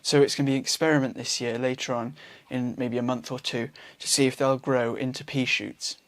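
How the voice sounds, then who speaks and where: A young man from Wales giving a relaxed, chatty gardening how-to outdoors, with frequent ums and self-corrections. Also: medium pitch, a little fast, no echo. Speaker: gardening vlogger. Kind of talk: casual how-to vlog.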